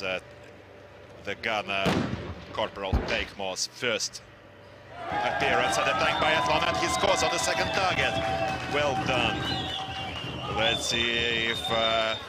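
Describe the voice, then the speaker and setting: A man's voice: mid-range voice, very noisy. A man giving a live English translation voice-over of sports commentary, hesitant, with frequent fillers and restarts.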